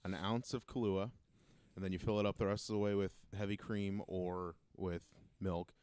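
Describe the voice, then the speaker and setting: Brief: deep male voice, casual podcast co-host, patient explainer. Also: fairly even intonation, moderate pace, a little mellow, clear, resonant tone, no room sound. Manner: explains drink recipes step by step. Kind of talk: casual chat among friends.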